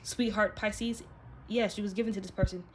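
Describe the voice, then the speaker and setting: Speaking at a moderate pace with fairly even intonation, this tarot reader and channel host has a mid-range voice. She does a casual card reading directly to the listener, emphatic, slangy and profane, with noise in the background.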